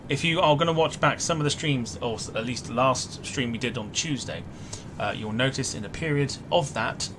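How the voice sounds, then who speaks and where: Chatty male streamer over clear background noise. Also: mid-range voice. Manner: chatty, informal, greeting viewers by name. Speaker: flight sim livestream host. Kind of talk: casual livestream chat.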